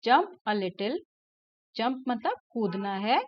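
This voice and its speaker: A woman teacher talks slowly and patiently, sounding out letters and repeating simple words for young children. Her voice sits a little high. The recording is slightly dull and lo-fi. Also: big pitch swings, no echo. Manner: mixes Hindi explanation with English words. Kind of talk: explaining a textbook lesson to young pupils.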